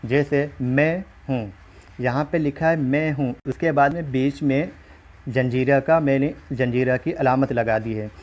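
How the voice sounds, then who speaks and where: A man's voice: medium pitch, measured pace, a little mellow. A man teaching an online exam-prep lesson, explaining step by step and often checking in with his listeners. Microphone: recorded while writing on a screen.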